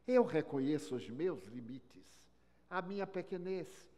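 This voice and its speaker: An older man giving an inspirational lecture, telling stories with wry humor and big swings between loud and soft. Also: fairly high pitch, big pitch swings, a little slow. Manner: storytelling with wry humor, sweeping swings in loudness. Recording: long reverb of a large hall.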